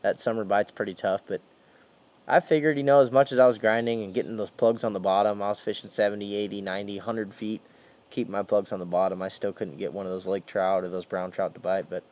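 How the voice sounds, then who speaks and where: A young man narrates a casual vlog of his camping and fishing trip, chatting to a handheld camera held at arm's length by a lake and campsite. The voice is fairly low and darkish, fast, with fairly even intonation. He's relaxed and easygoing, leaning on "man" and "you know" a lot.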